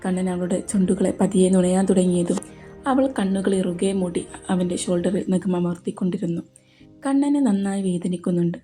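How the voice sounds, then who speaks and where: A woman narrating a romantic story she wrote, in steady, intimate scripted narration. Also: on the low side, moderate pace, soft background music. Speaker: narrator and writer.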